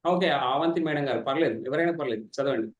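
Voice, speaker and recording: Fast-talking trainer, echoey room. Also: male voice, fairly high pitch, lo-fi sound. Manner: fast, animated, teasing participants. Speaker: public speaking trainer. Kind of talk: online class lecture. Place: online meeting.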